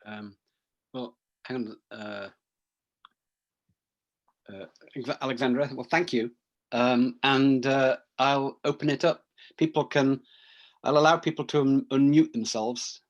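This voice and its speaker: A man's voice: medium pitch, fairly even intonation, a little slow, pauses often. Hesitant male moderator over dull audio. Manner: hesitant, fumbling with call settings. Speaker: forum moderator. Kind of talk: moderating an online Q&A. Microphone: video call. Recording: dull lo-fi video call audio.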